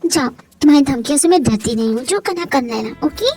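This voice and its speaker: A woman playing a feisty young college woman in an amateur fan dub, sassy and teasing. Her voice is high and close to the performer's own. Faint music runs underneath. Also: lively intonation, fast talker, dark tone.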